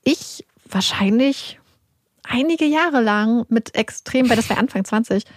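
A woman co-hosting a podcast, telling embarrassing stories in an animated, self-mocking way. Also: on the high side, measured pace, dry recording, clean studio sound. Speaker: podcast co-host. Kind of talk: casual podcast chat.

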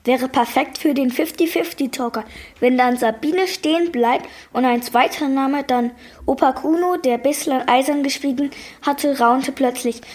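Woman reading a comedy story, high voice, lively. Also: a little slow. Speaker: narrator. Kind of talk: read-aloud story narration.

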